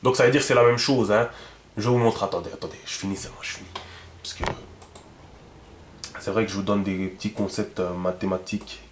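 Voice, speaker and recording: Man, low voice, casual teaching, halting with fillers and repeats, echoey room, drifts off mic. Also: fairly even intonation, slight background noise. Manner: thinks aloud, many fillers and repeated words, checks in with listeners. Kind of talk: casual explanatory lesson.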